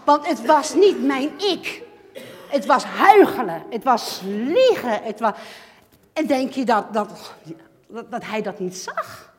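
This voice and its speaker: A woman giving a lively church testimony, acting out little dialogues and swinging between loud and hushed. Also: on the high side, slow. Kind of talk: sermon testimony. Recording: long hall reverb.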